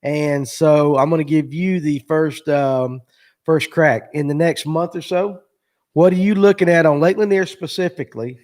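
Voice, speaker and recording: A man's voice: on the high side, fairly even intonation, moderate pace, darkish tone. Rambling man in his forties. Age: 40s. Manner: rambling, joking, lots of fillers. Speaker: show host. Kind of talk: casual live-stream chat.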